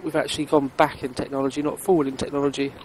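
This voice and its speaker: A man's voice: medium pitch, flat delivery, rapid-fire, darkish tone, poor audio. A man in casual banter over voice chat, teasing his friends dryly and putting questions to them.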